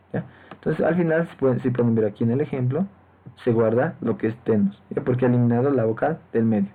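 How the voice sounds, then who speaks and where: A man walks students through code in a screen-recorded lesson, talking at a middle pitch. He explains each step and keeps checking in with short tag questions. His voice comes through a thin, phone-like microphone. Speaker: programming teacher. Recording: tinny lo-fi phone-like mic.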